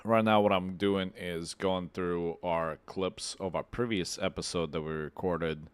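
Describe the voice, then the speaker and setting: Deep-voiced man streaming casually. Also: steady tone, unhurried, clean tone, no echo. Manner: laid-back, talks to chat while editing clips. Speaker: streamer and podcast host. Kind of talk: casual livestream chat.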